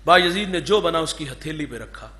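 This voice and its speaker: A man preaching an Urdu sermon. His voice sits high and rings with force. He swings between loud fervor and hushed storytelling. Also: expressive. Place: mosque gathering, over a sound system.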